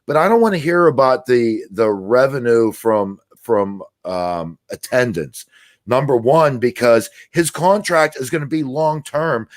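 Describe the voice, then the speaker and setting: A man's voice: mid-range voice, lively intonation, a little slow, no room sound. Assertive man making his case, dry sound. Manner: assertive, argues point by point. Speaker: sports podcast co-host. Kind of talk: casual sports debate.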